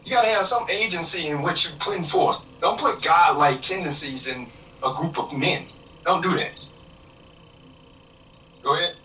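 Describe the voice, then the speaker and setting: A bright, forceful man's voice comes through a roomy, distant call line with a faint hiss behind it. He argues his point firmly and emphatically, lecturing in a podcast debate. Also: a little high, moderate pace, pauses often.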